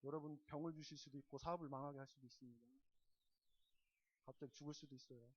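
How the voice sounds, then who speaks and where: A man preaching a sermon as pastor. He swings from loud, emphatic stresses to soft, low asides and keeps asking the congregation questions. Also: steady tone, fast, dull audio. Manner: asks the congregation repeated questions. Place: church service.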